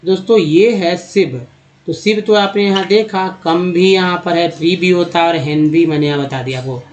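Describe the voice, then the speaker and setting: A man's voice: high-pitched, moderate pace. A man teaching English reading in a Hindi-language phonics lesson, steadily spelling out letter groups and repeating their sounds. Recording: dull lo-fi recording.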